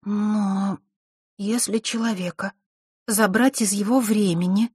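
A woman's voice: fairly high pitch, moderate pace, a little mellow, husky, dry recording, studio quality, voice pushed up. A woman voicing a principled, stubborn young girl who earnestly objects.

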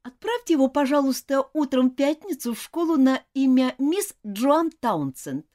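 A woman voicing an earnest, kind and stubborn schoolgirl who talks high and eagerly in a storybook reading. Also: very animated, normal speed, warm tone.

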